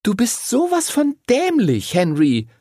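A fiery young schoolgirl with a sharp, bossy tongue, as a man puts her on in a storybook reading. The voice is pushed up high, with a husky, gravelly edge. The line is dry and close to the mic. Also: sing-song, moderate pace, no echo, heavily acted. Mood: scolding.

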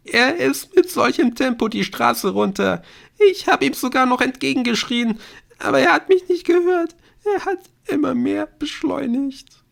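A man's voice: slow, vocal fry, fairly bright tone, exaggerated voice. A man doing a panicky sobbing teenage girl. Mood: panicked. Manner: high shaky pleading voice.

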